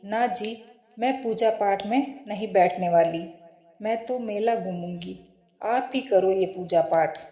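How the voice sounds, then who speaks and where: A woman's voice: mid-range voice, slow pace, dark tone, close to an everyday voice. A woman voicing a proud, dismissive young wife in a spoken storybook tale, talking down to her mother-in-law. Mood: scornful. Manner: scornful, self-assured. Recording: roomy echo.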